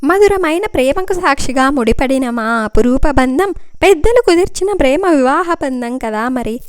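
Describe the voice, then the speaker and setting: A woman narrating a first-person love story in a soft, expressive way. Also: sits high, moderate pace, no echo, clean studio sound.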